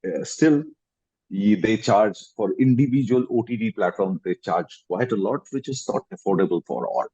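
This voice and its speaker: Heard through muffled, lo-fi video-call sound, a guest actor in his fifties with an Indian English accent answers interview questions at length. His lowish voice is mellow, a touch husky and expressive, moving at normal speed as he restarts phrases and lifts his voice to stress points.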